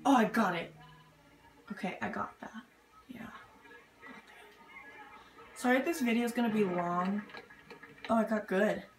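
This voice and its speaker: A woman's voice: medium pitch, unhurried, long pauses. A woman giving casual let's-play commentary, impatient, swearing and muttering to herself as she plays. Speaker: gamer. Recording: echoey room. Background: loud game music.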